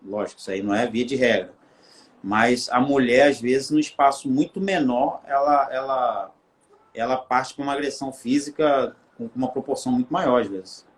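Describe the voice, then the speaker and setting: A man's voice: medium pitch, moderate pace. A man with a Brazilian Portuguese accent, a guest on a live-stream interview, speaking earnestly and building his points through repeated phrases.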